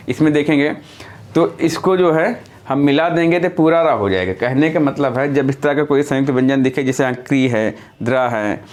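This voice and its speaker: A man's voice: medium pitch, slight background noise. A man teaching a lesson, who explains patiently step by step, repeats key points and corrects himself as he goes. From India. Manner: self-correcting, thinking aloud mid-explanation. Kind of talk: classroom-style lesson.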